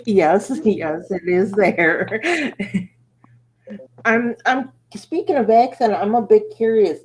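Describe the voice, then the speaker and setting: An American woman hosting a casual chat in a relaxed, friendly way. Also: medium pitch, slow pace. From United States. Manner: friendly, easygoing, laughs often.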